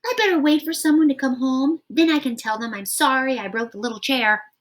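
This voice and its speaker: A woman voicing Goldilocks, a mischievous little girl, in a high, expressive voice. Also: a little fast, close to an everyday voice. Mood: worried. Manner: high, wide-eyed and expressive.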